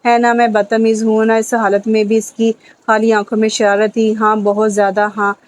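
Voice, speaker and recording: Female narrator voices a gentle dying wife; soft, level pleading. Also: a little high, monotone, natural voice. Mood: wistful.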